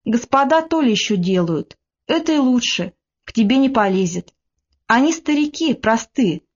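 Woman reading a quiet young peasant husband, plain talk, a bit high, muffled audiobook. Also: normal speed. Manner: low, dull and flat when bored.

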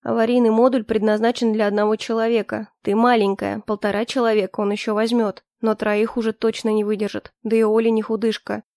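Woman voicing a calm practical man, matter-of-fact, even tone, audiobook. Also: a little high, fairly quick, few pauses, no echo, clean studio sound, natural voice.

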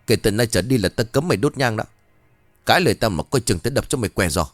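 A man's voice: expressive, a little fast, dry recording, soft background music. A man voicing a cruel, abusive pregnant stepmother who scolds harshly. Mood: threatening. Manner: harsh scolding, shrill shouting.

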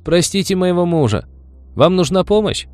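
Anxious older woman, high and pleading, voiced by a male narrator. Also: animated, moderate pace, a little mellow, no echo, faint music behind. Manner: pleading, apologetic.

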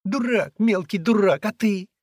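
A man reading aloud and voicing a spirited, bossy little girl who chatters in hushed, urgent tones. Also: a little high, expressive, normal speed, slightly rough, no echo, studio quality, voice pushed up. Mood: tearful.

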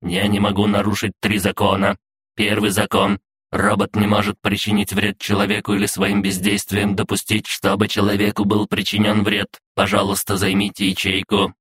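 A man's voice: fairly low pitch, monotone, normal speed, a bit bright, slightly rough, voice pushed up. A man voicing a polite, deranged male spider robot guard with a courteous, mechanical, insistent manner.

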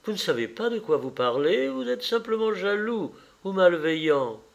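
Homme jouant une jeune femme amoureuse. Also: male voice, high-pitched, sing-song, moderate pace, vocal fry, highs cut off, voice pushed up, heavily acted. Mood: scolding. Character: young woman, bright, in love, pleading.

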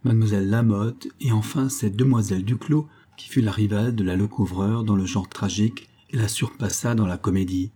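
A male narrator reading a historical novella aloud at a measured pace. His voice is low, with a dark, mellow and husky timbre. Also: steady tone.

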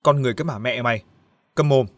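A man's voice: mid-range voice, moderate pace, fairly bright tone, slightly rough. A man doing a snarling cruel young thug. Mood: furious. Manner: snarling, threatening, coarse. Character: brutal young man, cruel drunken brother.

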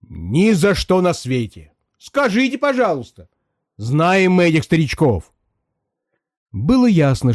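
A man reading a story aloud in an expressive way, giving each character their own voice. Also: mid-range voice, dry recording, studio quality. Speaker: reader.

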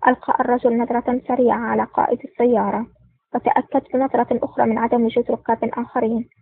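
Fast, husky woman narrating an audiobook. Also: fairly high pitch, level tone, no room sound. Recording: dry, tinny phone-like sound.

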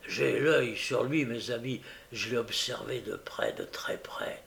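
A cunning old receiver of stolen goods, wheedling and fawning, who stammers and sometimes drops to a hush, as a male narrator puts him on. His voice is gravelly and slow. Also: a little high, very animated, pitched above the performer's own voice, full character voice. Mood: gloating, hushed. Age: older. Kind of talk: audiobook character reading.

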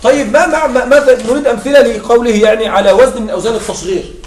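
A man's voice: very high-pitched, rapid-fire, slight background noise. A man teaching grammar in a classroom lecture, repeating his points and checking understanding with short questions. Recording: echoey room, mic far off.

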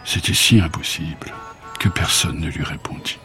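A man narrating a scripted bedtime story for children in a calm, gentle reading voice. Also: very deep voice, normal speed, music in the background.

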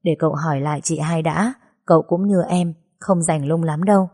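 A woman voicing a reserved young husband who answers quietly and thoughtfully. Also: deep voice, moderate pace, dry recording, clean studio sound. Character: calm, reserved young husband, eldest son.

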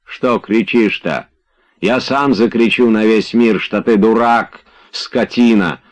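A man voicing a crude, bullying middle-aged man who shouts abuse in an audiobook reading. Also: on the low side, lively intonation, measured pace. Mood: shouting, abusive. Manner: shouting, abusive, blustering.

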